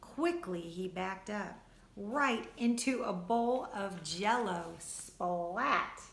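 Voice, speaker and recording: Expressive teacher reading aloud, gravelly voice. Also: female voice, mid-range voice, takes it slowly, roomy sound. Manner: warm, expressive, talks to the children directly. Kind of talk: storybook read-aloud for children.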